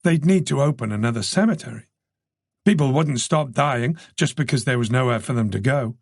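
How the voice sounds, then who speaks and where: Man reading a crime audiobook, mid pitch, measured, dry close mic. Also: expressive, vocal fry, no room sound. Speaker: audiobook narrator. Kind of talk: scripted narration.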